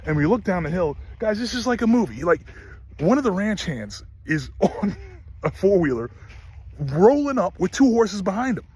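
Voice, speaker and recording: Earnest, slightly high-voiced man telling a story. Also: very animated, normal speed, darkish tone, husky. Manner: earnest, emphatic retelling with restarts. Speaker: horse owner vlogger. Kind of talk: casual storytelling vlog.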